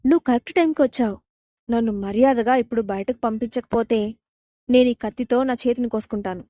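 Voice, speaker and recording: A woman's voice: a little high, fairly quick, warm tone, no echo, studio quality, lightly acted. A woman reading the part of a stubborn, defiant young woman in a romance audio story, speaking with threats and demands.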